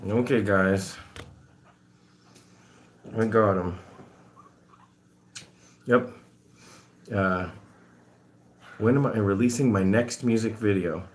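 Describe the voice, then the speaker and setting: A man in his forties who rescues animals live-streams from home, chatting casually with viewers as he does chores around his guinea pigs. He rambles, amused with himself, in a lowish voice, taking his time with long pauses.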